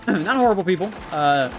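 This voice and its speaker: A man's voice: high-pitched, lively intonation, measured pace, soft background music. A man livestreaming while he plays, chatting casually with many fillers, restarts and chuckles, over a gaming stream.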